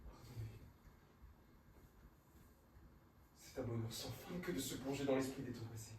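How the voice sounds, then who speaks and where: An actor playing an eager, deferential, bookish assistant in a hammy, declamatory stage style. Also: male voice, medium pitch, steady tone, fast, a little mellow, close to an everyday voice. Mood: humble, enraptured. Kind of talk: theatrical stage acting. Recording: roomy, distant stage recording with faint noise.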